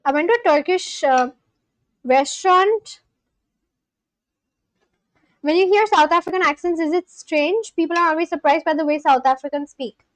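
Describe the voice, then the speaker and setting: A woman from India livestreams language learning from her laptop at home, chatting casually and answering her chat aloud. Her voice is very high-pitched at normal speed with frequent pauses, on a rough recording with no echo.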